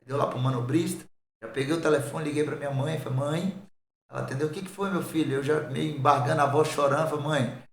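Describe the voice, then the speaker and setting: A pastor with a Brazilian Portuguese accent telling his conversion testimony on a podcast, animated and acting out the voices of the people in his story. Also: fairly high pitch, fast, vocal fry, echoey room, a little hiss or hum.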